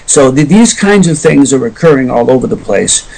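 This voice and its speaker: Male guest, middle register, rambling conversational explainer with halting self-corrections. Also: medium pitch, very animated, vocal fry, darkish tone, low-quality recording. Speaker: interview guest.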